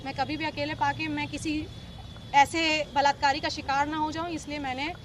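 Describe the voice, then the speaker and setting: A woman's voice: high voice, level tone, brisk, slight background noise. A woman in her thirties, a local politician, speaking emphatically and accusingly to reporters outdoors on a city street. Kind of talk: street press interview.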